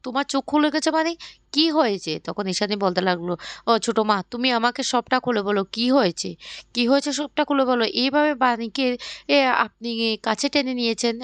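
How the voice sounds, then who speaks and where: A woman with a somewhat high, smooth, clear voice retells a TV serial, taking on every character's lines herself. She speaks with many pauses and fillers, and the recording is dry and close to the mic. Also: dry recording. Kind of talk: casual storytelling narration.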